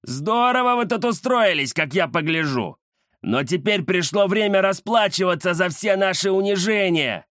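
A man's voice: high voice, lively intonation, normal speed, fairly bright tone, no echo, clean studio sound, voice pushed up. A man voicing a swaggering, greedy bandit tomcat who leads a gang in an audiobook, brash and mocking.

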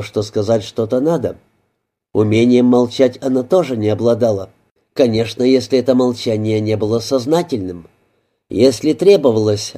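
A man narrating a novel as an audiobook in a measured, even storytelling manner. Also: medium pitch. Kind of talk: scripted narration.

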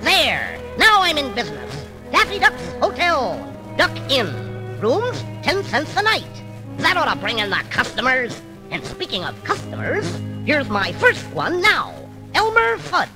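A man's voice: huge pitch swings, a little slow, heavily acted. A man playing a scheming cartoon duck who runs a cheap hotel, in a vintage cartoon radio performance with sly, wildly leaping delivery. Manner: wild pitch leaps, sly and scheming. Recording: old archive clip under loud music.

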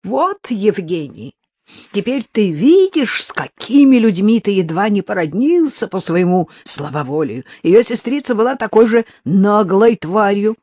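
A narrator voicing a spiteful elderly mother-in-law who scolds in a shrill, outraged voice. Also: sing-song, measured pace, dark tone, breathy edge, no room sound, studio quality. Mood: indignant. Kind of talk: audiobook character voice.

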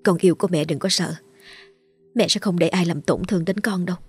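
A woman's voice: medium pitch, expressive, a little fast, breathy edge, dry recording, soft background music. A woman doing a tender village mother. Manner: soft, coaxing.

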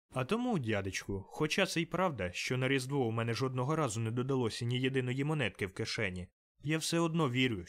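A man voicing a cheerful, warm-hearted young nephew who speaks up high and eagerly. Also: lightly acted. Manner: bright, eager, raised voice.

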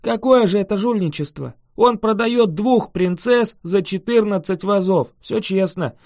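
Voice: medium pitch, measured pace, dry recording, clean studio sound, pitched above the performer's own voice, lightly acted. A reader doing Eleonor, a huffy boastful dragon. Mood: chatty. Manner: indignant, emphatic, loud. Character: chatty boastful male dragon, huffy, talks shop. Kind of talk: audiobook character voice.

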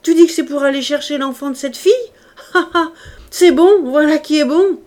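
Reading an audiobook, a woman with a slightly high, expressive voice performs a harsh, contemptuous male police inspector. At normal speed she barks, shouts and scorns in his voice.

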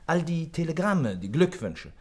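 An actor playing a genial, caring Victorian gentleman doctor in a German radio play, with a coaxing, solicitous manner. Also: a little high, big pitch swings, a little slow, husky, exaggerated voice. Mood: coaxing, friendly. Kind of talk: German radio play acting and first-person narration.

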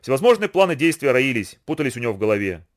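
Male audiobook narrator, fast, lively pitch, expressive read. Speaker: audiobook reader. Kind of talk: scripted narration of a novel.

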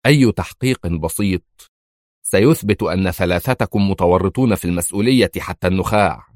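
A man's voice: sits low, fairly quick, a little mellow, no room sound, studio quality, close to an everyday voice. A man reading an audiobook and voicing a male American intelligence chief who answers in a cold, firm and defiant way. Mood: stern. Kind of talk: audiobook character voice.

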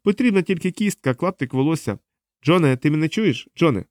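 A man's voice: a little high, lively intonation, fairly quick, dry recording, studio quality, voice pushed up, lightly acted. A man voicing a cold, harsh woman interrogating a prisoner in an audiobook, snapping out commands. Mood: sharp, impatient. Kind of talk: audiobook character voice.

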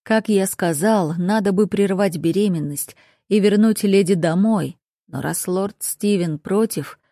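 A guarded, blunt male official in an audiobook, read by a woman narrator. He lays things out in a measured, matter-of-fact way, in a warm voice. The recording is dry and intimate. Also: mid-range voice, no echo, lightly acted.

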